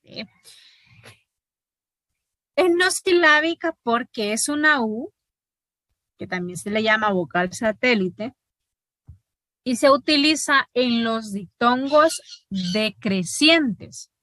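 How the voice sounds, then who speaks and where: Bright-voiced woman teaching linguistics. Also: a little high, lively intonation, takes it slowly, pauses often, no echo. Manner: explains step by step, often checks with "¿verdad?". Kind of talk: online class lecture.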